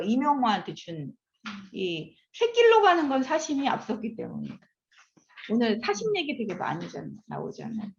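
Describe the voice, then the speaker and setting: A woman in her fifties giving a lecture, often asking the audience questions. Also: a little high. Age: 50s. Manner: animated, asks the audience questions. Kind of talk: classroom lecture. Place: lecture room. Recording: echoey room, slightly dull sound.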